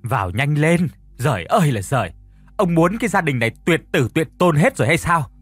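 A man's voice: fairly high pitch, fast talker, husky, no echo, faint music behind. A man voicing a distraught older village wife who pleads in a near-crying voice. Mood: tearful pleading. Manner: wailing, near-crying pleas.

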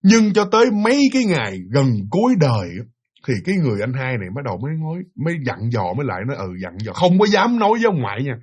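A man's voice: a little high, wildly swooping pitch, racing, a little mellow, slightly rough. A man telling a ghost story in a rambling, repetitive, chatty way. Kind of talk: casual spoken ghost story.

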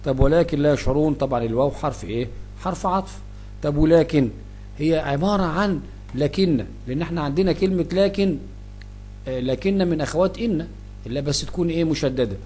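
A man's voice: fairly high pitch, fast, dark tone, a little hiss or hum. A man with an Egyptian accent teaching Arabic grammar, asking himself questions and answering them. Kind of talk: grammar lesson explaining Quran verses.

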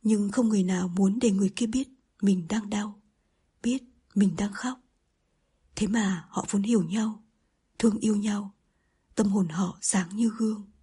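A woman reading a novel aloud as an audiobook narrator, in calm scripted narration. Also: medium pitch, a little slow, long pauses, slightly rough.

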